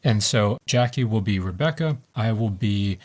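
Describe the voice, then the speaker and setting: Man, lowish voice, podcast co-host, measured lecturing delivery, breaks down story structure. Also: lively intonation, a little mellow. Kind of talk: explaining screenwriting, reading script scenes.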